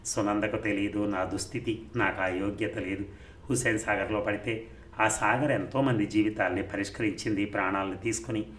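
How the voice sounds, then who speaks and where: A male storyteller reads a story aloud in steady, even scripted narration. His voice sits low. The room is echoey, with a faint hiss behind him. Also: brisk. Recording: roomy recording, faint noise.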